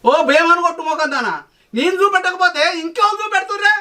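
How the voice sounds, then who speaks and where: A man's voice: very high-pitched, lively intonation, fast talker, very noisy. A man playing a weary, placating village husband. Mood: exasperated. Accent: Telangana Telugu. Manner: placating, exasperated. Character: weary, peace-keeping village husband and farmer. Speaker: village father-in-law. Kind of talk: village short-film acting. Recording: background music under dialogue. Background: film music.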